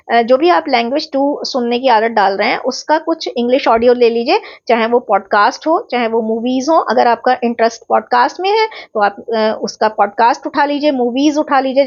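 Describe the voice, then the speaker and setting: A woman teacher giving a recorded exam-prep lecture, explaining step by step and stretching example words slowly to show stress. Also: on the high side, dull audio. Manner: explains step by step, mixing in English terms.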